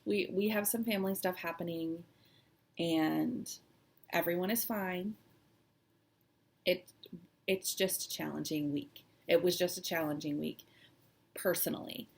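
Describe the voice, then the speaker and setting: A woman vlogger chatting casually and personally, halting and hesitant with long pauses, sounding shaky and close to tears. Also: fairly low pitch, vocal fry, breathy edge. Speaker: cross-stitch vlog host. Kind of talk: casual personal chat to camera.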